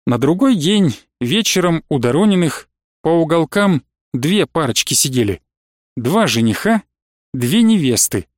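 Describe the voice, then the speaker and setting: A male audiobook narrator reads a classic novel in a steady, measured storytelling style, delivering scripted narration. His voice sits on the high side, and the studio-quality recording has no room sound.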